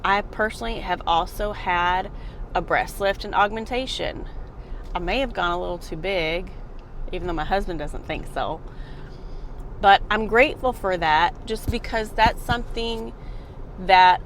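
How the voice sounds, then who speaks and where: A woman's voice: mid-range voice, a little slow, fairly bright tone, slight background noise. A woman in her forties, a fitness vlogger and mom, talking earnestly and directly to the viewer. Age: 40s. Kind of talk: casual motivational talk to camera.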